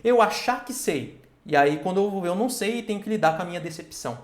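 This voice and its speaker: A man with a high, expressive voice speaks quickly in a recorded online lecture that has a roomy echo. He poses questions aloud, answers them himself, and often checks in with his listeners.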